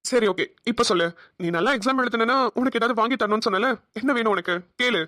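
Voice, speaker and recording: Woman playing a protective cartoon husband, rapid banter, dry close sound. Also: fairly high pitch, fairly bright tone, no room sound, natural voice. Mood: teasing. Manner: teasing, affectionate ribbing. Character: protective young husband, a joking policeman. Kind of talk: cartoon voice acting.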